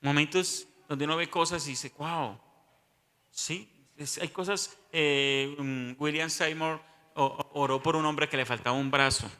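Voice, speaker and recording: A man's voice: a little high, fairly even intonation, a little slow, bright, forceful tone, clear, resonant tone, big-room sound. A male pastor, teaching a sermon and often asking the congregation questions.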